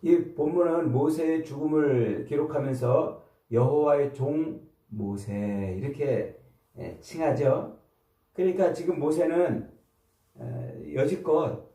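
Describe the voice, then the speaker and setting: A male pastor preaches a sermon, leading his listeners through the text in a patient teaching tone full of rhetorical questions. His voice is mellow and dark at a middle pitch. The sound is roomy and picked up from a distance in a church. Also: slow pace. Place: church sanctuary. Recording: roomy sound from away from the mic.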